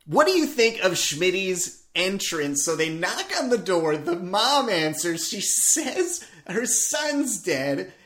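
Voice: medium pitch, big pitch swings, slow pace, few pauses, fairly bright tone. A podcast co-host in casual chat about a TV episode, enthusiastic and swearing casually.

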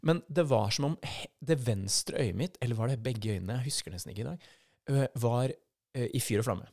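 A Norwegian man on a podcast microphone tells a story in a lively, unscripted way, slipping into the voices of the people he describes. His voice sits at an ordinary middle pitch for a man. The recording is close and dry, with no room sound. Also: no room sound. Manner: vivid, acts out quoted voices in his story. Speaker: podcast co-host.

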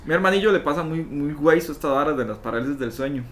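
A young Costa Rican man tells an anecdote with plenty of slang and swearing, drawing his listeners in. His voice sits a bit high for a man. It is relaxed podcast banter among friends. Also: fast, a little hiss or hum. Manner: animated storyteller, swears freely, slangy. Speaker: podcast co-host. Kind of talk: casual chat, storytelling.

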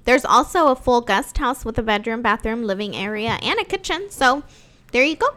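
A bubbly woman co-host chatting casually about homes and celebrity news. Her voice sits a bit high and has a bright, forward tone. She talks in an emphatic, excited way. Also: normal speed. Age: adult mother. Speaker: co-host of a real estate news show. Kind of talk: casual chat.

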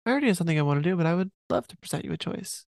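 A woman's voice: on the low side, animated, rapid-fire, vocal fry, darkish tone, no echo. A young woman co-hosting a music podcast in casual chat, dry and blunt, tired and yawning. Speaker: podcast co-host.

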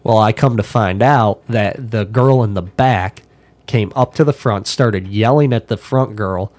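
A man's voice: fairly low pitch, a little slow, dry recording. A man, an airline pilot and podcast guest, telling stories in casual chat, acting out the lines of the people he quotes and laughing often. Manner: animated storyteller, acts out quotes, laughs often.

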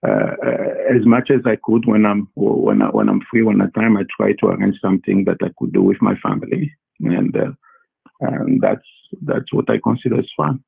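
A man who grew up in Congo answers students' questions in a halting way, full of fillers and repeated words. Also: on the low side, vocal fry, slightly rough. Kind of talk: casual interview answers. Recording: tinny phone-like line.

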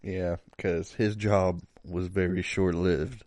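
A man's voice: low-pitched, flat delivery, takes it slowly, a little mellow, no echo. A young man co-hosting a podcast in casual chat, laid-back, joking crudely. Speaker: podcast co-host.

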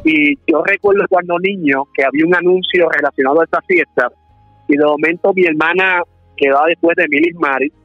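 Puerto Rican male caller in his 30s, higher voice, muffled dry phone line. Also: sing-song, brisk, vocal fry, no room sound, faint music behind. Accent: Puerto Rican Spanish. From Puerto Rico. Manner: friendly storytelling, laughs often. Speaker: phone-in guest preacher. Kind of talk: phone interview testimony.

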